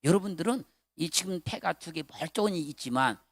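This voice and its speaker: A man preaching a revival sermon as pastor, dropping to hushed murmurs and rising to shouted exclamations. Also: a little high, expressive, a little fast, no room sound, studio quality. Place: prayer retreat hall.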